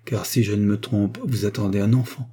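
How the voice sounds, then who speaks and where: Kindly old village priest, voiced by a man, low, soft, hushed, husky, storybook. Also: steady tone, a little fast. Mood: gentle.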